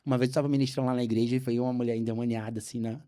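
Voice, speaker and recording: A Brazilian man, a podcast guest, telling a faith story with lively acted-out dialogue. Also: medium pitch, very fast. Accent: Brazilian Portuguese. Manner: animated storyteller acting out dialogue. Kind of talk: storytelling testimony.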